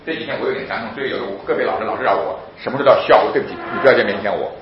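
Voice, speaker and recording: A man giving a lively sermon-style talk on parenting, laughing often and acting out children as he goes. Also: fairly low pitch, rapid-fire. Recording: very echoey, dull lo-fi with faint noise.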